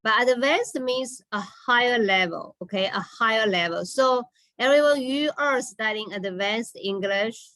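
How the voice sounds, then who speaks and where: A woman with a fairly high voice teaches an English lesson at a very unhurried pace. She drills vocabulary by saying it and repeating it, and keeps checking with little tag questions. The sound is close and dry, with little room echo. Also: sharp tone. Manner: deliberate, repeats words, checks with "okay?" and "all right?". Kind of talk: slow classroom lesson with read-and-repeat drilling.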